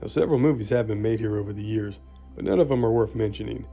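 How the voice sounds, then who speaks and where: A man's voice: lowish voice, fast, vocal fry. A man narrating a travel vlog in a scripted voice-over, informative with dry asides. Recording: dull lo-fi voice-over with music.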